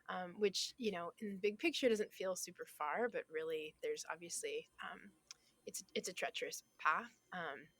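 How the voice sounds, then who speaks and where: A young adult woman from Florida, appearing as a guest artist in a casual interview, speaks thoughtfully in a mid-range voice, pausing often and laughing softly. The recording is dry.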